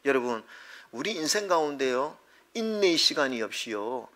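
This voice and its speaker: A pastor delivering a Sunday sermon in a church, swinging from loud impassioned cries to hushed whispers. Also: male voice, medium pitch. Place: church sanctuary.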